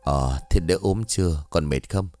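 A man voicing a worried middle-aged father who talks in a low, brusque, gruff way. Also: unhurried, a little mellow, faint music behind.

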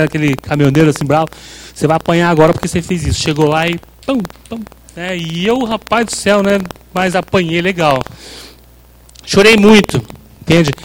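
A middle-aged man from Brazil preaches an informal sermon. His voice sits high for a man. He talks in a chatty, storytelling way and keeps checking in with the congregation. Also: a little hiss or hum, low-quality recording. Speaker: church leader preaching. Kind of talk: informal sermon with personal stories.

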